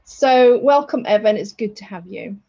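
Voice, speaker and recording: A woman's voice: mid-range voice, lively intonation, moderate pace, warm tone, dull audio. A woman co-hosting a podcast in a chatty, self-deprecating way, laughing often. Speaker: podcast co-host. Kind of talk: casual podcast chat.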